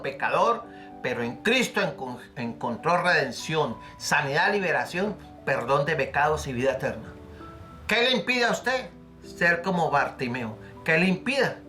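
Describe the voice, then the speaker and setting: Male pastor, fervent sermon, bright voice, soft guitar underneath. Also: a little high. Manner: fervent preaching with pleading questions; acts out the scripture voices he quotes. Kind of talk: recorded sermon.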